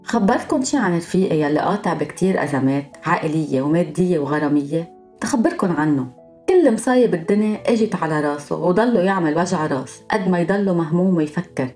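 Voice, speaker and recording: Woman, Lebanese accent, podcast host, rapid delivery, faint music underneath, explains point by point. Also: fairly low pitch, animated, darkish tone. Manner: explanatory, listing examples one by one. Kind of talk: scripted podcast monologue.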